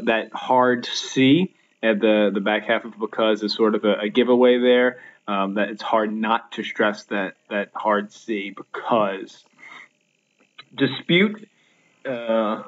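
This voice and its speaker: A man's voice: lowish voice, lo-fi sound. A man teaching a recorded video lesson, explaining step by step with fillers and restarts.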